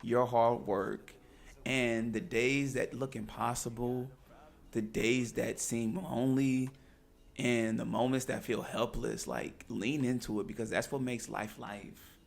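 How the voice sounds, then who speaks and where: A man's voice: medium pitch, steady tone, slow, creaky. A man co-hosting a podcast in casual chat, talking in an earnest, encouraging way. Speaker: podcast co-host.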